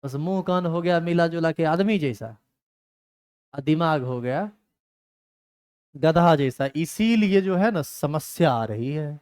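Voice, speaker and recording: A man's voice: a little high, lively intonation, unhurried, long pauses, a little mellow, clean tone. A man teaching a chemistry class, teasing and scolding his students. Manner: scolding, teasing students in a rustic Hindi dialect. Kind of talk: classroom lecture.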